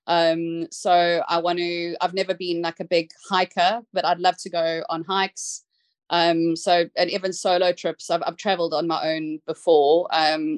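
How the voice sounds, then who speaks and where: A woman's voice: on the low side, no echo. A woman from South Africa talking casually as a podcast guest over a call, reflective, with many ums and restarts. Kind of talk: casual interview chat. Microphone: video call.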